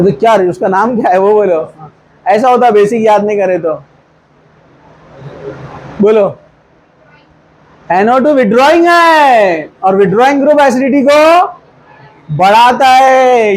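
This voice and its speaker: A man a high voice leads a chemistry class, firing short questions at his students and nudging them along until they give a reason. He mixes into his as he explains. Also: darkish tone, slight background noise, poor audio. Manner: coaxing, quizzing students with repeated questions. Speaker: chemistry teacher. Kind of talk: classroom lecture.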